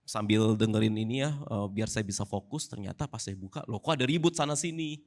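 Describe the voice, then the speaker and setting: Indonesian guy in his 30s, lowish voice, relaxed joking church testimony. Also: brisk. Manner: easygoing, humorous, acts out dialogue. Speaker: church speaker sharing testimony with his wife. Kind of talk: casual testimony in a church service.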